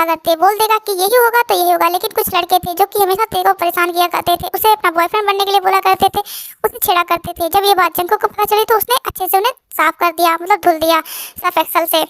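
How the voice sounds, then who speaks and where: A woman's voice: very high voice, fairly bright tone, no room sound, clean studio sound. A woman casually narrating a love story, rambling and often restarting her sentences.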